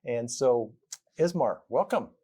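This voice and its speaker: A man hosts an interview with a husky, mellow voice. He welcomes the guest and keeps him talking with frequent short affirmations. He sounds friendly and conversational. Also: mid-range voice, expressive, slow. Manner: encouraging, with frequent short backchannels. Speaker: interview host.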